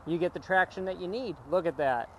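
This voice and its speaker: A man hosting an outdoor vlog, chatting casually about RC trucks and coaching a driver in a relaxed way. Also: high-pitched, fairly quick, noisy background. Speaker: vlog host. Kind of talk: casual chat while driving RC trucks. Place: outdoor trail.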